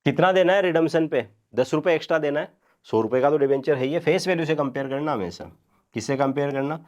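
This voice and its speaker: A man's voice: on the high side, lo-fi sound. Man teaching, answering his own questions. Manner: quizzes students with questions he answers himself; dictates journal entries slowly word by word. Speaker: commerce teacher. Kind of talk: revision lecture.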